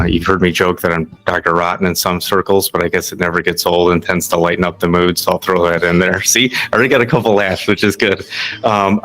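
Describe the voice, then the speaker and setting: A man's voice: deep voice, a bit bright, poor audio. A man hosting a podcast, talking casually with self-deprecating jokes. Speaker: podcast host.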